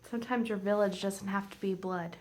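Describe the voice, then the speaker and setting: Speaking fairly quickly in a steady, mid-range voice, a forties-aged woman vlogs casually from home. She rambles with heartfelt, teary emotion, often lowering to a near-whisper.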